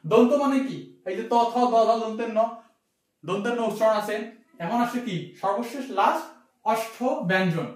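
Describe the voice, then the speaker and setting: High-voiced man tutoring in an echoey room. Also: lively intonation, normal speed. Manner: repetitive, quizzing, asks "ঠিক আছে?" often. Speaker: admission test tutor. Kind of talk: spoken grammar lesson. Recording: echoey room, distant from mic.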